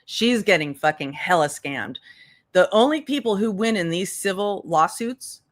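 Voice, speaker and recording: With a medium-pitched voice, lively intonation and an unhurried pace, a woman delivers off-the-cuff legal commentary as a livestream host. Her manner is blunt, profane and exasperated, and she keeps repeating points to stress them.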